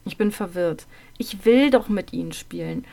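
A woman narrating a childhood memoir in the first person, in a calm, measured way, her phrases often dropping soft at the end. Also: mid-range voice.

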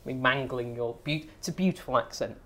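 A man's voice: medium pitch, fairly quick, background noise. A man chatting as a podcast guest, a wine educator and comic who restarts phrases and tells jokes. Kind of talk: casual podcast chat. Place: studio near a busy street.

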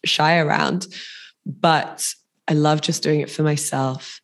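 A woman's voice: deep voice, fairly even intonation, takes it slowly. A woman guest on a podcast, talking casually and effusively, often repeating words as she searches for them.

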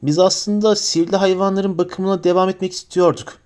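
A man's voice: high-pitched, fairly even intonation, brisk, darkish tone, smooth, pitched above the performer's own voice, lightly acted. A man voicing timid schoolgirl Hermione. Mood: earnest. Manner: timid and earnest. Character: anxious, earnest schoolgirl witch.

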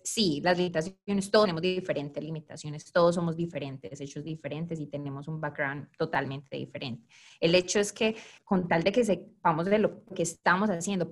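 Latin american woman cohosting a podcast, kinda low voice, earnest and chatty. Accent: Latin American Spanish. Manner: talkative, earnest, reflective. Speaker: podcast co-host. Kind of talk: casual chat.

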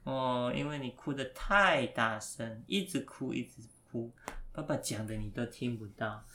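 A father telling a story to his young child, asking gentle, patient questions along the way. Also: mid-range voice, measured pace, a little hiss or hum.

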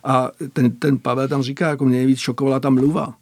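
A man's voice: medium pitch, little pitch movement. A man reading from his book on a radio programme, then chatting loosely with many fillers. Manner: loose, filler-heavy chat. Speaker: guest, author. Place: radio studio.

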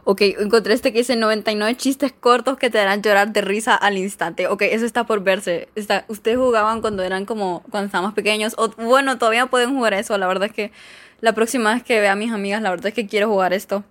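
A woman's voice: mid-range voice, fairly even intonation, fast, fairly bright tone. A young woman, chatting casually as she reads jokes aloud, giggly and full of fillers. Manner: giggly, chatty, filler-heavy, mock-exasperated. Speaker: vlogger reading jokes.

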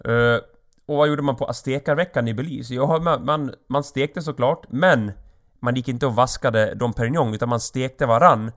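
A man's voice: mid-range voice, a bit bright. Offhand man hosting a solo podcast. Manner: rambling, offhand, crude joking. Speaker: podcast host. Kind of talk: solo comedic podcast monologue.

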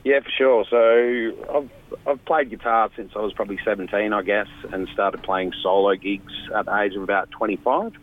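A man's voice: on the low side, steady tone, moderate pace. Man on a tinny phone line. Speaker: band lead singer, radio guest. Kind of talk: casual phone interview.

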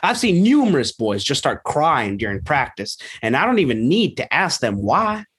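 A man playing an ignorant, blustering small-town male football coach in a comedy sketch, gruff with sudden high-pitched outbursts. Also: sing-song, moderate pace, fairly bright tone, full character voice.

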